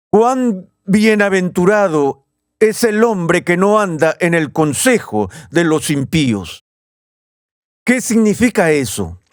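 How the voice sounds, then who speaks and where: Male preacher, measured teaching delivery, dry recording. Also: high voice, no room sound. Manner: measured, teaching tone with slow emphatic phrases. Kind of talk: sermon.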